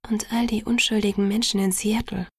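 A gentle motherly female vampire who murmurs softly, from an audiobook, read by a woman. There is a creaky texture in the voice, and the recording is close and dry. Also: a little high, fast talker, no echo. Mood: pleading. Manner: soft, murmuring. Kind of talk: audiobook reading.

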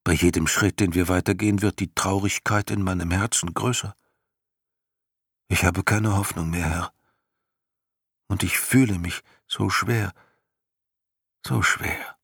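A man's voice: low voice, steady tone, gravelly, fairly bright tone, breathy edge, dry recording, studio quality, full character voice. Artax, a man voicing a hopeless horse. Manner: slow, heavy, resigned speech. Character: weary, hopeless male horse, sinking.

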